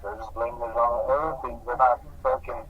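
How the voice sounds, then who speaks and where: A man's voice: medium pitch, flat delivery, brisk. A man on a phone speaker, chatting in a laid-back way and swearing casually. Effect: heard over a phone speaker. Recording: distant muffled speakerphone with background noise.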